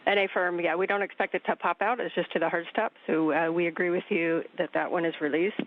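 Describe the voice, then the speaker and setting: A man acting as mission control communicator, giving calm, careful step-by-step instructions over radio. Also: high-pitched, fast, no room sound. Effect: radio link. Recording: narrow-band radio link.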